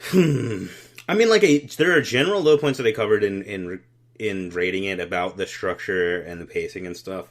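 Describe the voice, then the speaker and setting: A man co-hosting a podcast, chatting casually about a film with animated, jokey tangents. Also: sits low, normal speed. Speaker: podcast co-host. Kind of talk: casual comedic film review chat.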